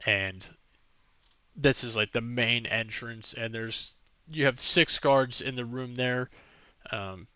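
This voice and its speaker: A man's voice: mid-range voice, slow pace, pushed and bright, smooth, no echo, lo-fi sound. A man narrating a tabletop game as game master, in a casual, rambling way.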